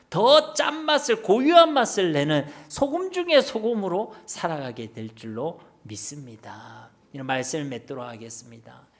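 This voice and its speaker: A man preaching a sermon and leading a prayer as pastor. He asks emphatic rhetorical questions and lets his phrase ends drop off softly. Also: high-pitched.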